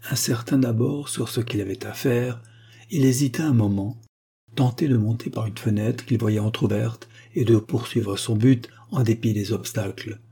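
A man narrating a classic novella in a steady, even reading. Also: medium pitch, normal speed, vocal fry, husky.

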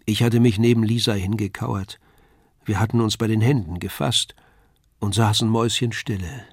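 Man reading an old story, calm and measured, dry close sound. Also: on the low side, slightly rough, dry recording. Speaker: reader. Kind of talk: scripted narration of a novella.

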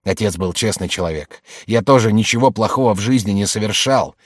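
A man's voice: on the low side, fairly quick, no room sound, clean studio sound, lightly acted. A man reading aloud and voicing a dying older man who furiously scolds his sister, in an audiobook. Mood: furious scolding.

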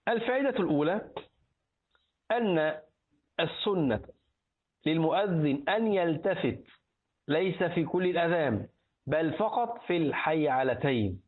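Egyptian sheikh teaching a lesson, kinda high voice, keeps asking the room questions. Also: male voice, lively intonation, moderate pace, pauses often, slightly rough. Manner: explains by repeating words, quizzes the listeners. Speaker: sheikh teaching hadith and jurisprudence. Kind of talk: religious lesson, colloquial explanation. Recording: tinny phone-like recording.

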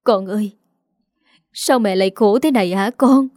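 Woman doing an older mother figure, tearful, shrill, complaining, audiobook drama, warm, dry. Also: lively intonation, moderate pace, dry recording, close to an everyday voice. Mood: faltering. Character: aging village mother, aggrieved, tearful and shrill.

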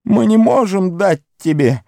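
Whining, hissing Gollum. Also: male voice, high voice, expressive, a little slow, gravelly, warm tone, dry recording, studio quality, voice pushed up, exaggerated voice. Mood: tormented. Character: wretched creature Gollum, whining, split, cunning. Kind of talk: audiobook character voice.

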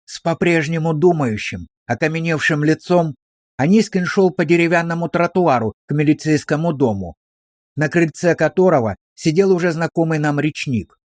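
A man's voice: a little high, expressive, normal speed, darkish tone, no echo. Man narrating an audiobook, dry close sound.

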